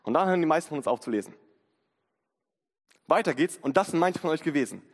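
A man in his twenties preaching a sermon in a casual, slangy way, acting out inner voices, recorded in a church hall. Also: a little high. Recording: long hall reverb.

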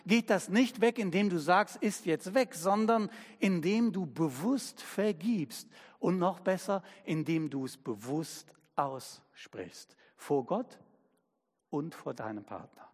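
A man preaching a sermon as pastor, slow and emphatic, using everyday examples. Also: sits high, breathy edge, in a large hall.

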